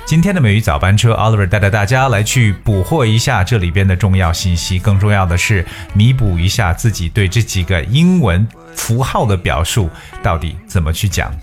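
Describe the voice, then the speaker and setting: Male host teaching English to Chinese listeners, deepish voice, spells words out letter by letter, faint music underneath. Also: expressive, fairly quick, hardly any pauses.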